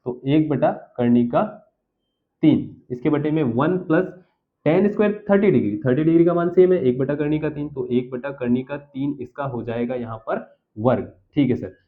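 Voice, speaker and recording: This math teacher speaks at a normal pace in a somewhat high voice, narrating each step of a school lesson as he goes. He frequently checks with the class, saying "theek hai sir", and the recording sounds thin and phone-like.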